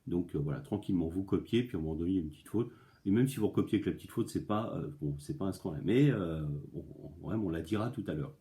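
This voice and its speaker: A man's voice: low-pitched, fast talker, dark tone. A middle-aged man teaching a spelling lesson to a class at home, chatty, with many fillers and restarts, sounding words out aloud as he explains. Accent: French. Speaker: primary school teacher.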